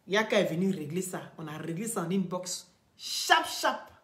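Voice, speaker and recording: A woman's voice: fairly low pitch, animated, moderate pace, fairly bright tone, reverberant. A woman hosting a live video, speaking straight to her followers in an emphatic, lecturing way. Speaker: social media live-stream host.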